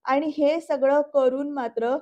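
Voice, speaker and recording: A woman's voice: high voice, fairly even intonation, measured pace, darkish tone, lo-fi sound. A woman reading the lines of a scheming, spiteful middle-aged aunt in a serial recap, cold and snapping.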